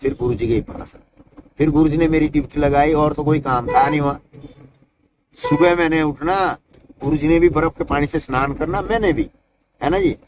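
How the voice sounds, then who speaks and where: Older male yogi, raised pitch, casual rambling anecdotes, noisy background recording. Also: fairly even intonation, moderate pace, long pauses. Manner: rambling, folksy, tag questions like "isn't it". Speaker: Himalayan yogi. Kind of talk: conversational life-story telling.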